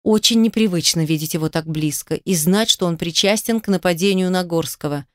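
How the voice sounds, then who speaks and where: A woman's voice: fairly low pitch, fairly quick, dry recording, clean studio sound. A woman narrating a romance audiobook in the first person, reading with heartfelt emotion.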